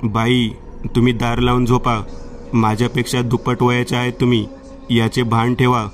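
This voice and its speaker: A man's voice: medium pitch, monotone, normal speed, slight background noise, natural voice. Man doing Rohit, a wary young man. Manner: firm, awkward refusals. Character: uneasy young man refusing a stranger.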